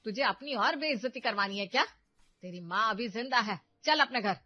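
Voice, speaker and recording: A woman voicing a meddling, domineering middle-aged mother who loudly stirs up trouble in her family. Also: medium pitch, normal speed, no room sound, muffled recording, close to an everyday voice.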